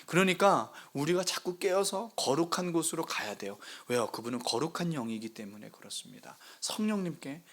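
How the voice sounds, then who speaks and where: Male pastor, sermon delivery, lively intonation, rhetorical questions to the congregation, hushed asides. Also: on the high side, fairly quick, hardly any pauses. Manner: swings between loud emphasis and hushed whispers. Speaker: pastor of a new church plant.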